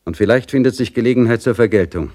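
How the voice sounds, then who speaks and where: A man's voice: mid-range voice, quick pace, darkish tone, voice pushed up, lightly acted. A man reading aloud voices a sly young male servant who mocks and taunts in a sarcastic way. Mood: taunting.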